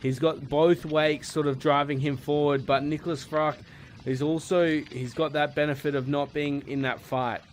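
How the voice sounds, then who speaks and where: A man calling a race play-by-play, steady through the build-up and rising to excited calls at the finish. His voice sits a little high for a man. A faint hiss of ambient noise runs underneath. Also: normal speed. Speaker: play-by-play commentator. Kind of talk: live sports commentary.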